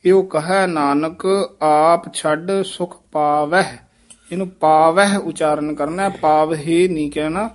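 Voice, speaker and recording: A man's voice: on the high side, steady tone. Man patiently teaching recitation. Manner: measured, corrective, repeats lines with pause marks. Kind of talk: pronunciation instruction.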